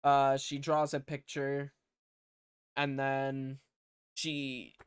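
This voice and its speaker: A man's voice: mid-range voice, monotone, extremely slow, clear, resonant tone, no echo. A man casually recapping a movie plot in a loose, rambling way, with swearing and lots of fillers. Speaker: movie reviewer.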